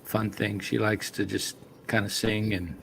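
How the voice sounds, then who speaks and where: A man's voice: fairly low pitch, little pitch movement, unhurried, gravelly, a little hiss or hum. A man around sixty, co-hosting a casual chat in an easygoing, agreeable way over a video call. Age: 60s. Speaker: co-host.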